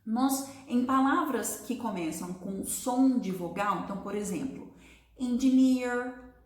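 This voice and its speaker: Woman, English teacher, unhurried explanations, frequent check-ins with listeners, roomy sound. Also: medium pitch. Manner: patient and explanatory, drawing out example words slowly. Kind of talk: online lesson for beginners. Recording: echoey room.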